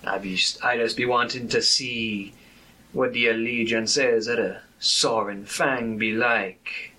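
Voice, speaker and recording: Man doing a sly troll leader, husky and patois-like. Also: fairly low pitch, flat delivery, moderate pace, pushed and bright. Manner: patois-like troll dialect with dropped verb forms.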